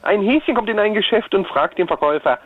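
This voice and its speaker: A friendly male caller from Erfurt comes through a narrow, tinny phone line. His voice is lively and a little husky, and he talks in an eager, good-natured way. The line itself is dry, with no room sound. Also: high-pitched, fast, dry recording. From Erfurt, Germany. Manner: friendly, eager, tells jokes. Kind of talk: casual phone-in chat.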